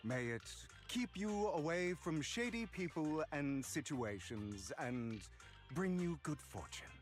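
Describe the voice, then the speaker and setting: A man voicing a polite, soft-spoken stranger in a video game, speaking in a measured, hushed way. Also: fairly high pitch, sing-song. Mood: courteous, gentle. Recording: music under the voice.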